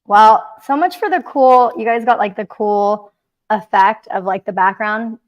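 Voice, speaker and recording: A woman's voice: mid-range voice, measured pace, dull audio. A young woman hosting a casual livestream chat, rambling and giggly with lots of fillers. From Mexico City, raised in the Bay Area. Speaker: podcast host.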